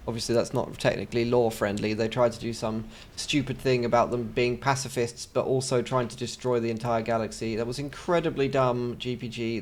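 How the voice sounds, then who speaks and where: Chatty English man casting a strategy game. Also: mid-range voice. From England. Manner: chatty, joking asides. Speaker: game caster. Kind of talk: video game commentary.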